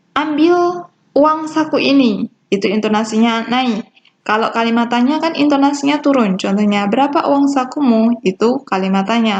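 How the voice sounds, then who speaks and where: A woman teacher giving a recorded lesson, explaining step by step with slow, deliberate delivery and small fillers. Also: on the high side. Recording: dull lo-fi recording with faint hiss.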